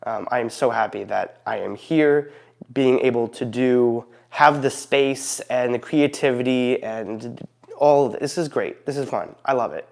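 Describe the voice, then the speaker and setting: In a casual update vlog with no script, the channel's male host talks a little slowly in a mid-range, slightly mellow voice with vocal fry. He goofs around and drifts, regularly interrupting himself, while a heating fan hums loudly beside the microphone.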